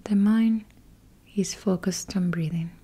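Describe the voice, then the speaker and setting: This is a yoga nidra sleep meditation led by a woman of medium pitch whose intonation stays fairly even. Her soothing, hushed delivery comes in brief measured phrases that trail off softly and breathily.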